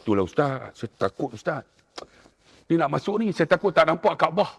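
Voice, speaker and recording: A preacher putting on a tattooed older Malay pilgrim, pleading. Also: male voice, on the high side, big pitch swings, normal speed, vocal fry, husky, big-room sound, full character voice. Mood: fearful. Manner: pleading, anxious.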